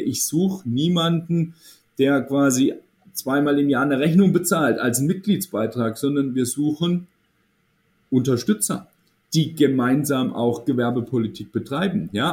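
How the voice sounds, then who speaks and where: A man's voice: medium pitch, a little mellow. A man speaking as an association's managing director in a podcast interview, thoughtful and hesitant, with many fillers and restarts.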